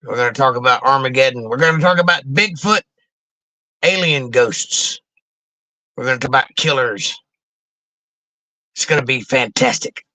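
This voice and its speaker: A man's voice: mid-range voice, moderate pace, pauses often, pushed and bright, no echo, rough recording. A man hosting a casual live stream in a folksy, showman-like manner.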